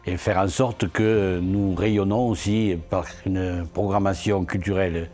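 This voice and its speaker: With fairly even intonation and a measured pace, a somewhat low-voiced man presents his area's achievements as an elected official. The tone is earnest and rhetorical, suited to a promotional interview, with quiet music faint behind him.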